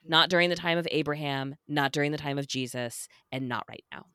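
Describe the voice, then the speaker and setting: A woman's voice: sits low, brisk, clear, resonant tone, no echo, studio quality. A woman guest on a podcast interview, talking animatedly and emphatically, often checking in with "right?". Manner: animated, emphatic, keeps tagging points with "right?". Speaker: guest, sex worker rights advocate.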